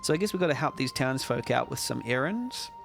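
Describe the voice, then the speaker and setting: Sleepy streamer guy, gravelly voice, dry jokes, faint game music behind. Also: medium pitch, animated, fairly quick. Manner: wry, chatty asides. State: sleepy, yawning. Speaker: streamer judging a game jam. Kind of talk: casual live commentary while playing.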